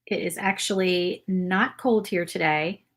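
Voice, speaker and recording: This woman from Virginia, USA, speaks with an Appalachian accent, her voice fairly low and her intonation fairly even at an unhurried pace. She rambles casually on a craft livestream while she paints, chatting with viewers and reading their comments aloud.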